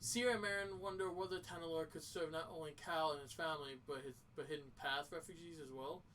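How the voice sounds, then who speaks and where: Tired let's-player in his 30s, rambling commentary full of restarts; higher, forceful voice. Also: steady tone, a little fast, distant mic, a little hiss or hum. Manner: rambling with frequent restarts and stumbles. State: tired, dry throat.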